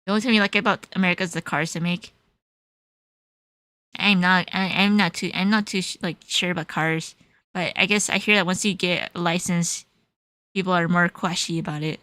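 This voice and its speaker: A woman's voice: on the low side, steady tone, a little slow, sharp tone, dry recording. A young woman from California, chatting casually as a stream host, switching between Japanese and English and laughing often. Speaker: livestream host. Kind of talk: casual chat answering viewers.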